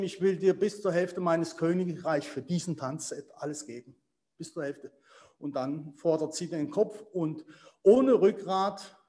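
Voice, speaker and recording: A man preaching a sermon, reading Bible verses and explaining them with asides to his congregation, moving between quiet remarks and emphatic points. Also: high voice.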